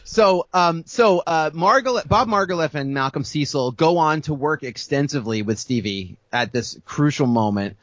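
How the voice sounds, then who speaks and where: A man co-hosting a podcast, telling a music-history story in a casual, animated way, acting out the people he quotes and laughing often. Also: a little high, normal speed, few pauses, no room sound, dull audio. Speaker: podcast co-host.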